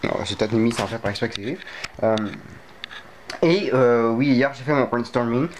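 A man's voice: medium pitch, moderate pace, slight background noise. A young man chatting casually to camera in a vlog, playful and prone to mock panic. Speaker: vlogger.

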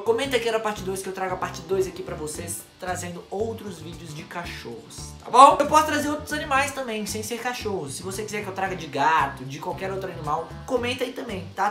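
A man with a Brazilian Portuguese accent giving chatty, excitable reaction commentary to his viewers. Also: sits high, echoey room. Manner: chatty, excitable, keeps telling viewers to look. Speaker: YouTuber reacting to videos.

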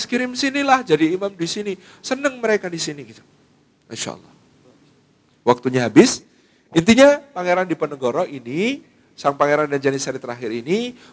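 Jokey preacher guy talking up a book, kinda high voice, lots of casual filler. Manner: animated, jokey, heavy use of conversational fillers. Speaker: Islamic preacher giving a book talk. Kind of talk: lively lecture to an audience.

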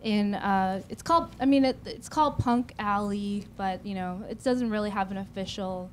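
A woman's voice: mid-range voice, moderate pace, a little hiss or hum. A woman appearing as a talk-show guest, rambling nervously and restarting often while speaking into a handheld mic on a studio couch. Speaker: guest, founder of an internet radio station. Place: TV studio set, seated on a couch.

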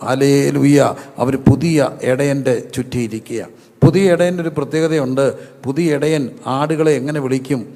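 A man's voice: mid-range voice, gravelly, a little mellow, in a large hall. A man pastor preaching a sermon, repeating phrases and asking the congregation to answer back. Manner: repetitive call-and-response preaching, rising to exhortation.

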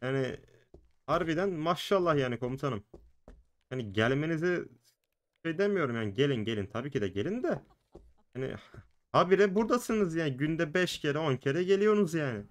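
A man's voice: a little high, animated, brisk, pauses often. A man hosting a gaming video, giving chatty, jokey let's play commentary and talking to the game's characters and his viewers.

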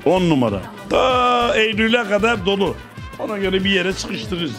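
An older male travel show host with a high voice, boisterous and jokey as he greets everyone. He speaks into a handheld mic in a busy restaurant while music plays clearly behind him. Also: animated, normal speed. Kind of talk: lively roving interviews.

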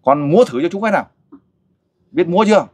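A middle-aged man hosting a casual interview, coaxing and animated as he questions a child and a father. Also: fairly high pitch, fast, husky. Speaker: host interviewer for a volunteer group.

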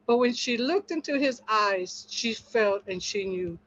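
A woman's voice: a little high, lively intonation, a little slow, fairly bright tone. Earnest woman sharing testimony, lo-fi. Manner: earnest, storytelling, acts out quotes with laughter. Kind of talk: casual testimony in a group discussion. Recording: dull lo-fi sound.

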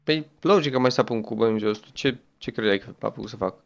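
A man's voice: mid-range voice, creaky, soft background music. A young man chatting his way through a game as a gaming YouTuber, exclaiming often and talking to the game and a friend. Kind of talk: let's play commentary.

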